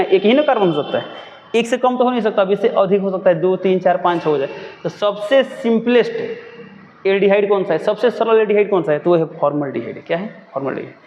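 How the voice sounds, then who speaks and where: A young man teaches a classroom lesson at a fast clip in a fairly high voice, and he keeps asking questions and answering them himself. The recording is dull and lo-fi, with a long, hall-like reverb and faint background noise. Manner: repeats his own questions and answers them.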